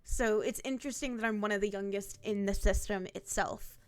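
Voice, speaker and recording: A woman's voice: mid-range voice, fairly even intonation, a little fast. A woman in her twenties from Ohio, chatting casually on a stream with many fillers. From Ohio, USA. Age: 20s. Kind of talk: casual chat.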